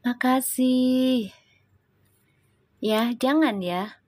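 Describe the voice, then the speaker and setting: Woman on a live stream, kinda high voice, chatty, scolding the comments with lots of questions. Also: drawn-out words, darkish tone. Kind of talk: casual live-stream chat reading comments.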